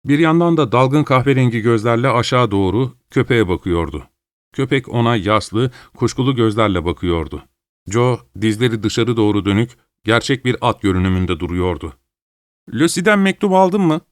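A man's voice: normal speed, dry recording, clean studio sound. A man reading a novel aloud as narrator, lifting his voice for the dialogue. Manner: raises pitch for dialogue, steady narration between. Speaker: audiobook narrator. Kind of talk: scripted narration of a novel, voicing all characters.

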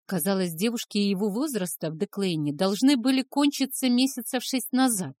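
A woman narrates a first-person novel in a calm, measured voice of middling pitch. The recording is dry and close, with no room sound. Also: no room sound. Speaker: audiobook narrator.

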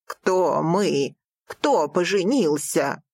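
A woman voicing a distraught, stern father in an audiobook, speaking in a slow, heavy, scolding way. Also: on the low side, animated, a little mellow, breathy edge, no echo, clean studio sound, exaggerated voice. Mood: angry. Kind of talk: audiobook character voice.

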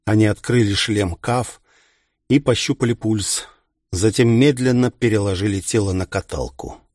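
A man narrating a science fiction audiobook in a measured, even reading. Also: on the low side, no echo, studio quality. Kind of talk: scripted narration.

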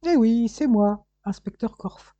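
A reader voicing a gruff, mocking police inspector. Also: mid-range voice, measured pace, dark tone, no echo, voice pushed up, natural voice. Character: sardonic, stubborn male police inspector. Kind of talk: audiobook character reading. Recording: dull, dry lo-fi recording.

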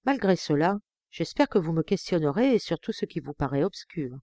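A woman narrating an audiobook in a measured, expressive first-person reading. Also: deep voice, no echo, clean studio sound. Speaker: audiobook reader.

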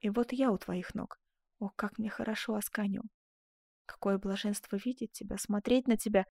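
A woman's voice: mid-range voice, mellow, no echo, clean studio sound, close to an everyday voice. A woman reading as a proud, passionate noble duchess. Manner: impassioned, swinging from tender murmur to proud outbursts. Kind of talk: audiobook reading.

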